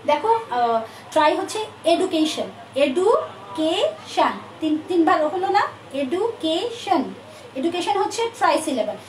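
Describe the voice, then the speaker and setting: High-voiced woman teacher, echoey and distant. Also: sing-song, normal speed. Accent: Bangladeshi English. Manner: mixes English into explanations, calls students "dear", frequent "uh" fillers. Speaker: English teacher. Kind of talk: online class lesson. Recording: echoey room, distant mic, faint noise.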